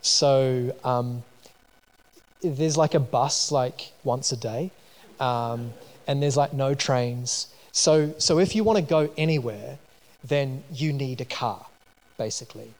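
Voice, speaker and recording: A man from New Zealand, with a New Zealand accent, preaches a sermon that includes a personal story. His mid-range voice is slow and conversational, with many fillers and restarts. The recording carries a long hall reverb.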